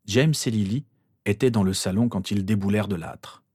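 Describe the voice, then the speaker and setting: A man narrating a story aloud with expressive intonation. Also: lowish voice, moderate pace, husky, no room sound. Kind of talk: storybook reading.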